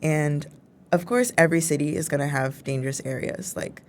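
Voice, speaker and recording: Young woman, from Chicago, twenties, low voice, casual chat, filler-heavy. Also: steady tone, brisk. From Chicago suburbs, United States. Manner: chatty, heavy use of filler "like". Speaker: co-host.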